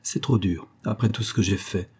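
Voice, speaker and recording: A man reading aloud and voicing an impatient, dramatic society mother, lifting his pitch for her lines. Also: fairly even intonation, moderate pace, darkish tone, slightly rough. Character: anxious scheming society mother, middle-aged woman.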